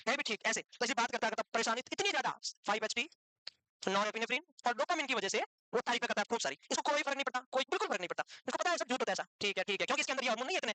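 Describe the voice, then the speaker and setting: A woman gives a classroom lecture at a very fast clip. Her voice sits high and sounds sharp. She keeps asking questions and checking that her listeners follow, in a dry recording. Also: no room sound, poor audio. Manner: asks rhetorical questions and often checks understanding; lively explaining with everyday examples. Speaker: teacher.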